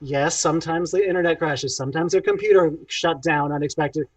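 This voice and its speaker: A man's voice: a little high, brisk, no room sound, far from the mic, low-quality recording. A man who teaches theatre, speaking on a video call panel in an upbeat, encouraging, conversational way. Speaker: theatre educator.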